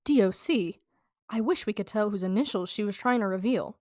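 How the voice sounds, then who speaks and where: A woman's voice: medium pitch, a little fast, darkish tone, natural voice. A woman playing an earnest husband in a radio drama, with a stagey delivery. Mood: earnest, defensive. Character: earnest, defensive husband, a businessman. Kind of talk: amateur radio drama acting.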